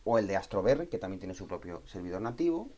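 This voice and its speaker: Moving at a quick pace with big swings in pitch, a slightly low-voiced man casually guides viewers through software one step at a time. He reasons out loud while working and keeps tossing in short questions to confirm the listener is with him.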